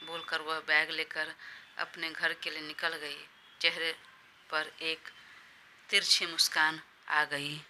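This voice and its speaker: A woman narrating a romance audio story in a steady, plain way. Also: low-pitched, slow, slight background noise.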